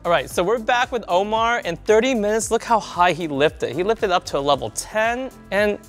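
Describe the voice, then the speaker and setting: A man's voice: high-pitched, animated, moderate pace, faint music behind. A man giving a hair-color tutorial in a salon, chatty and instructive, often checking in with his viewers. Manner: chatty, checks in with "right?" and "you guys".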